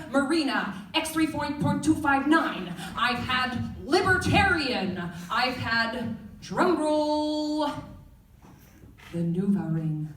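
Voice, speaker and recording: A woman performing a comic personal story on stage in an animated, profane, playful way. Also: fairly high pitch, echoey room, distant mic.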